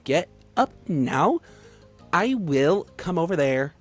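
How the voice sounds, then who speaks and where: Man voicing a bratty teen girl, Valley Girl drawl, snooty, bossy, lively pitch, story game. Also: slow pace, slightly rough, soft background music, exaggerated voice. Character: bratty fifteen-year-old girl, Valley Girl voice.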